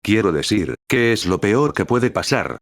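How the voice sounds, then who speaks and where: A man's voice: fairly low pitch, very animated, unhurried, dry recording, studio quality. A man voicing an innocent, curious young male mage. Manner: innocent, tired sighs.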